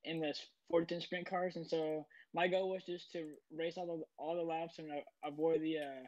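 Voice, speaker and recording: Guy on a muffly lo-fi mic, kinda higher voice, um-ing through his race recap. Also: flat delivery, moderate pace, darkish tone. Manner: hesitant, full of fillers. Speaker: sim racing driver interviewed after a race. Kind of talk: casual post-race interview. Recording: dull lo-fi mic.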